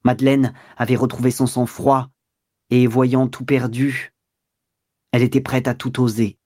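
A man narrating a classic novel as an audiobook, measured and even. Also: mid-range voice, no echo, clean studio sound.

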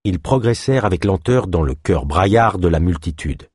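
A man reading a thriller novel aloud as narrator, expressive storytelling. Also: sits low, moderate pace, slightly rough, no room sound, clean studio sound. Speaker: audiobook narrator. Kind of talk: scripted narration.

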